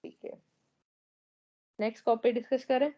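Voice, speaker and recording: A woman teaching over an online call, her voice sitting a little high. She explains patiently and keeps checking in with her students. The audio is muffled and lo-fi. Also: fairly even intonation, moderate pace, a little hiss or hum. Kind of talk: online class feedback on student essays. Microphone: online meeting audio.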